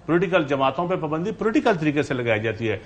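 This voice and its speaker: A man in a TV studio, debating heatedly as a political guest. His voice sits high for a man and swings widely in pitch as he argues. He talks over the others and pushes back hard. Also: big pitch swings, muffled recording. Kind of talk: heated TV talk-show debate.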